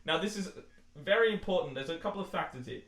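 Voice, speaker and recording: A man's voice: on the high side, lively intonation, quick pace. A young man co-hosting a casual podcast chat, joking, laughing and slipping into mocking put-on voices. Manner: jokey, breaks into laughter, mimics people in loud put-on voices. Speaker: podcast co-host. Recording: roomy echo.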